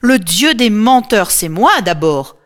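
A woman voicing a cheeky, boastful male trickster god with a brash, quick way of protesting. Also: medium pitch, big pitch swings, fairly bright tone.

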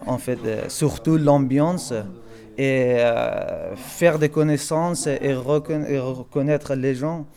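A young man from Afghanistan, a volunteer, answering interview questions in a slow, halting way with many fillers. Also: mid-range voice, creaky, mellow.

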